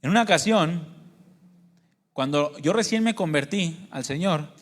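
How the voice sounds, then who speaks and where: A man's voice: a little high, animated, a little slow, big-room sound. A man preaching a sermon, earnest and personal, asking the congregation questions and calling them brothers and sisters. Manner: tells personal testimony, asks the congregation questions. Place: church hall.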